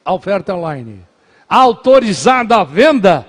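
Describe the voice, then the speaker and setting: A man's voice: sits high, big pitch swings, moderate pace. A man calling an auction, repeating the standing bid over and over in a chant. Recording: reverberant hall.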